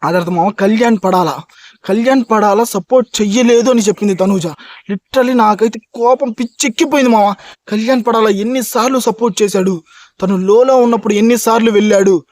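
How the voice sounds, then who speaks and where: A man delivers a reality-show review at a rapid clip, his voice sitting high. He is emphatic and keeps hammering his points home to the audience. The sound is close and dry. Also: a little mellow, no echo. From India. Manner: emphatic, talks straight to fans, repeats points. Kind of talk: fast opinionated review monologue.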